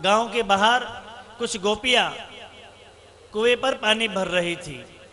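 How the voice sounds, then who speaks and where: Male monk preacher for a storytelling sermon: emphatic rhetorical questions, very high, bright, forceful voice. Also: slow.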